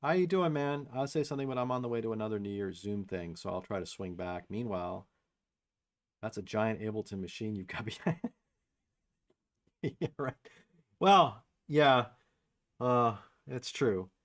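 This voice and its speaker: A man hosting a casual livestream from his home studio, talking loosely with lots of fillers while a saxophone warms up. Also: lowish voice, normal speed, long pauses. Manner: loose and rambling, many fillers. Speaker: livestream host and musician. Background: saxophone warming up.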